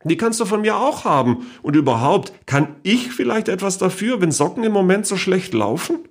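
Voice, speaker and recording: A man's voice: sits high, sing-song, normal speed, voice pushed up, heavily acted. A man voicing a cheerful, scheming old great-aunt of seventy-eight who talks sweetly and innocently. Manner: sweetly innocent, chirpy and carefree.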